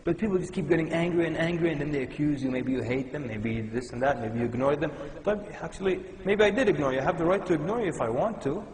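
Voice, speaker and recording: A man's voice: fairly high pitch, fast talker, hardly any pauses, a little mellow. A man from Sudan giving a conversational, humorous Islamic lecture to a live audience. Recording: echoey hall with long reverb.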